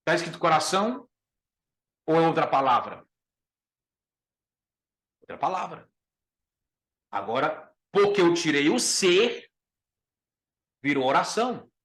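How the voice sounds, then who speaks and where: Brazilian preacher in an echoey room. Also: male voice, on the high side, very animated, a little slow, pauses often, fairly bright tone. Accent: Brazilian Portuguese. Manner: emphatic, repeats key phrases, addresses listeners as brother. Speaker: pastor teaching a class. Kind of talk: Bible lesson.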